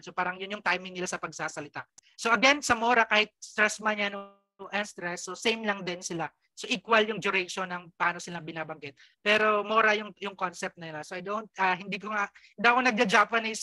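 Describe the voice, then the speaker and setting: Filipino lady teacher doing an online review, bright voice, dry close mic, lots of um and ano. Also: mid-range voice, no room sound. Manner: explains casually with many fillers and restarts, checks understanding. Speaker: English exam review teacher. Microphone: close mic, online class.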